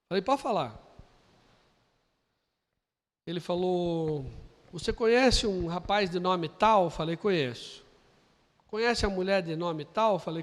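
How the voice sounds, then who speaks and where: A Brazilian man preaching a sermon, telling a story quietly and then building to loud, emphatic preaching. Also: high voice. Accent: Brazilian Portuguese. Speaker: pastor. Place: church hall. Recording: long hall reverb.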